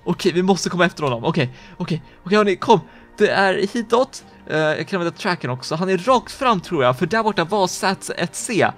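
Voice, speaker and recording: A young-sounding man with a fairly high voice narrates his game live, reacting quickly and eagerly to each moment. Soft music plays faintly beneath his commentary. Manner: excitable, quick reactions, gasps and laughs. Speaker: gaming YouTuber. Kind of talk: excited gameplay commentary.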